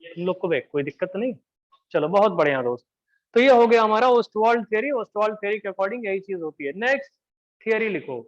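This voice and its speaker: High-voiced male chemistry teacher. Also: animated, quick pace. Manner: chatty, teasing, checks in with students often. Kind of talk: live classroom lecture. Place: classroom with students. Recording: dull lo-fi class recording.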